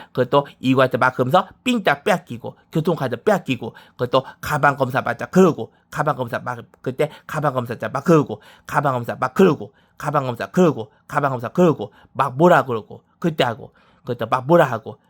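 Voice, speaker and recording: A man in his thirties speaks in a rambling personal monologue, repeating the same short phrases again and again as he talks. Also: medium pitch. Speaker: vlogger.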